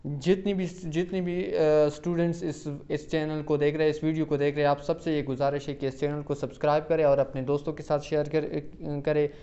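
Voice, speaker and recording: Male exam-prep lecturer, slightly higher voice, reads questions slowly, dull lo-fi recording. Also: flat delivery, dark tone. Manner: slow, deliberate reading of English options, quicker Hindi-Urdu explanations; addresses listeners as "student" often. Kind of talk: reading out and explaining exam questions.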